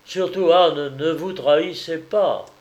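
An anxious, devoted husband and father, read by a man. He pleads earnestly and gently at a slow, measured pace. The voice sits a touch above a typical man's pitch. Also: highs cut off. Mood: pleading. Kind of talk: audiobook character reading.

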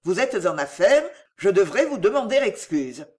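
A woman reading the part of an agitated, jealous young gentleman, tense and commanding in manner. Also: medium pitch, big pitch swings, moderate pace, close to an everyday voice.

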